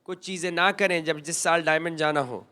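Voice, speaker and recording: A man's voice: fairly high pitch, steady tone, a little fast, sharp tone. An older man giving a motivational stage talk in a folksy, emphatic way, addressing the crowd directly. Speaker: motivational speaker.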